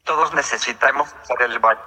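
A man's voice: mid-range voice, fast talker, pushed and bright, husky. A robotic male text-to-speech voice, like an old speech synthesizer, delivering a prepared formal speech. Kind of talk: prepared formal speech through a communication device. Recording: hall reverb, played-back senate video.

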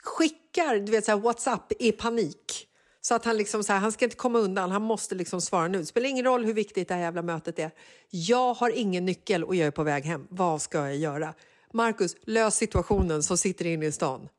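Animated woman telling a funny story. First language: Swedish. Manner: animated storyteller, acts out quotes in a high voice. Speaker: podcast co-host. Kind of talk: casual chat.

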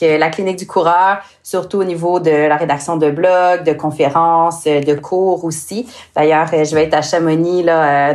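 A woman with a Québécois accent talks in a relaxed podcast interview. Her voice sits low for a woman. She hesitates a lot and fills gaps with drawn-out filler sounds. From Quebec. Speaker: sports nutritionist guest.

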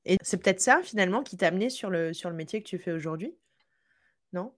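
A woman's voice: fairly low pitch, animated, fast talker, dry recording. A woman hosting a podcast, chiming in with short agreements and friendly questions to her guest. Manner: brief friendly interjections and prompts. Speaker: podcast host. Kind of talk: casual interviewing.

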